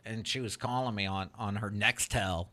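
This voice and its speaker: A man co-hosting a casual podcast chat, eager and quick to laugh, often cutting in. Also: on the low side, fairly even intonation, sharp tone. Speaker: podcast co-host.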